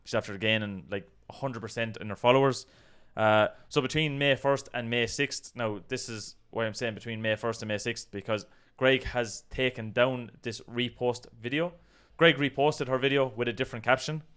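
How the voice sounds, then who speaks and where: Co-hosting a video channel, an Irish-accented man casually discusses an online controversy, chatty and full of hedging asides. His mid-range voice is clear, resonant, and a bit bright, holding a steady tone at normal speed with few pauses.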